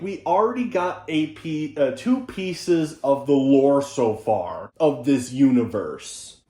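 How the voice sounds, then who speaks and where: A man's voice: a little high, mellow. A man giving a casual, amused review of a dubbed cartoon, often laughing and poking fun at it. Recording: echoey room.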